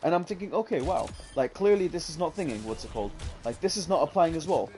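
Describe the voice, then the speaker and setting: A man's voice: a little high, lively intonation, fast talker, a little mellow, faint music behind. Rambling young man telling a gaming story. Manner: rambling, fillers like "what's it called", says "bro". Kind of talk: casual storytelling chat.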